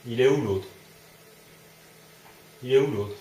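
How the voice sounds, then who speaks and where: A man's voice: mid-range voice, takes it slowly, dark tone, reverberant. A man commentating his own gameplay, swearing and yelping when startled. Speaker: let's play gamer.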